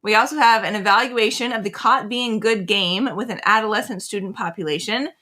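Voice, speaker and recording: A woman's voice: mid-range voice, a little fast, pushed and bright. A woman co-hosting a podcast in casual, conversational chat. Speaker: podcast co-host.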